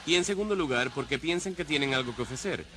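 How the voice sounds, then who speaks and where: A man's voice: medium pitch, animated, fast talker, fairly bright tone, a little hiss or hum. A man explaining analytically in a dubbed documentary interview.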